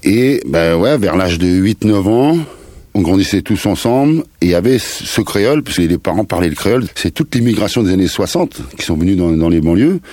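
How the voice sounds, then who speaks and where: In a casual interview, a fifty-something musician from the Paris suburbs speaks briskly and expressively in a low, darkish voice, rambling with slang and snatches of Creole. The sound is dry and of studio quality.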